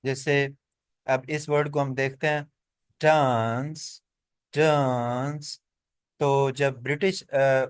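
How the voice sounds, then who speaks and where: A man teaching pronunciation in a classroom-style explanation. He moves through each example deliberately and repeats every vowel sound several times. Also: on the high side, no room sound. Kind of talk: classroom explanation mixing Hindi and English.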